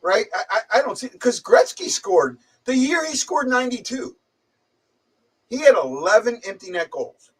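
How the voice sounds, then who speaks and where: A man's voice: very high-pitched, very animated, moderate pace, a bit bright, husky. A man hosting a casual livestream chat, his voice muffled as if on speakerphone, with a slight head cold, rambling and stumbling over his words. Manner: rambling, hesitant, stumbling repeats. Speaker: livestream host. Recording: distant muffled mic.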